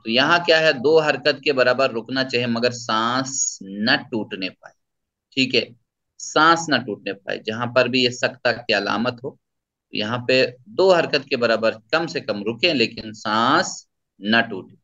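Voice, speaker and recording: Guy teaching tajweed, bright forceful voice, patient, kinda dull lo-fi sound. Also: medium pitch. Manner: patient, explains and repeats points. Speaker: Quran recitation teacher. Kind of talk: tajweed lesson with recitation.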